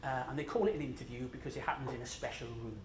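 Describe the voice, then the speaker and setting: In a large, echoey conference room with faint background noise, a Scottish man presents at a very fast clip. His voice sits at medium pitch, and his jet-lagged, self-deprecating talk is conversational and packed with fillers.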